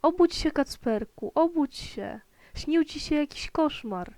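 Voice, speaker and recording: A woman voicing a kind, patient mother in a children's storybook, explaining things gently to her son. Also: high-pitched, expressive, unhurried, no echo, voice pushed up. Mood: urgent.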